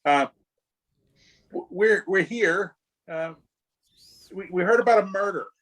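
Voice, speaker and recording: A man's voice: sits high, lively intonation, takes it slowly, fairly bright tone, low-quality recording. A man as a player in a tabletop role-playing game, hesitant and stammering. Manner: hesitant, stammering in-character speech.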